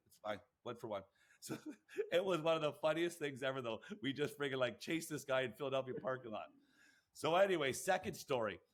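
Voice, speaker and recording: A man, a lacrosse podcast co-host and coach, telling rambling, excitable stories full of acted-out quotes and swearing. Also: medium pitch, fairly quick. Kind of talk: animated storytelling.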